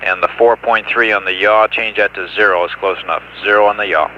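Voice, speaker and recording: An American man working as a mission control communicator, calmly reading out figures in a matter-of-fact, procedural way over a radio link. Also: fairly low pitch, fairly quick. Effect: radio transmission. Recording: dull lo-fi 1970s space radio, faint noise, hum. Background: faint hiss and hum.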